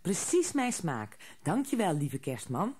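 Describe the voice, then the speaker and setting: A woman's voice: lowish voice, very animated, moderate pace, voice pushed up. A woman voicing a cheerful, fond mother rabbit in a children's storybook. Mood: delighted.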